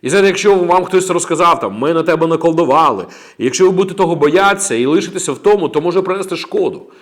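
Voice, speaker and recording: A man's voice: high voice, expressive, rapid-fire. A man preaching a sermon as a pastor, emphatic and declaring, breaking in with amens and praises.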